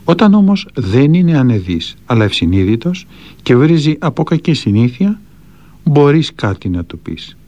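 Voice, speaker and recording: A man's voice: medium pitch, big pitch swings, warm tone, dull audio. A man reading spiritual anecdotes and counsel aloud, with a storytelling delivery. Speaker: reader of a monk's teachings.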